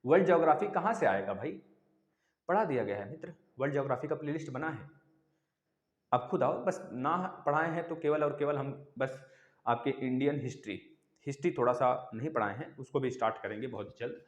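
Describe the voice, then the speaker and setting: A man giving an online exam-prep lesson at a medium pitch. He talks in an animated way, repeats each sound aloud and calls his listeners friends. His voice rings around an echoey room with a long reverb tail. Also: brisk. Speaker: teacher.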